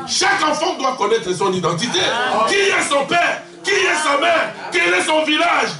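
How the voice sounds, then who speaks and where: High-pitched shouting preacher in a church. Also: male voice, animated, normal speed, crowd noise. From Congo. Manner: impassioned, shouting, call-and-response with the congregation. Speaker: visiting preacher. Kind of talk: sermon. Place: church hall. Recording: echoey church hall, distant mic, congregation responding. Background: congregation responses.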